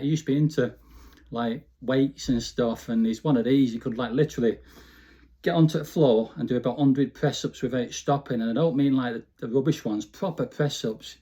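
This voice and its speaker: The audio is lo-fi, carrying a dark-toned, medium-pitched voice of a man in his fifties from Bolton, Lancashire. As an interview guest he reminisces informally and chattily, sprinkling in "you know" often.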